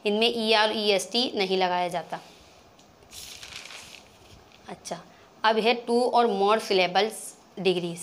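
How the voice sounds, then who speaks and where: A woman explaining grammar to learners, patiently repeating terms, with frequent pauses and restarts. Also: mid-range voice. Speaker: English grammar teacher.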